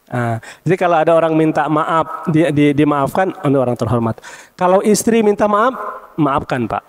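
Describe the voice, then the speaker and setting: A man preaching a sermon in a mosque. He tells stories lively, mimics characters and jokes with the congregation. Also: fairly high pitch, normal speed.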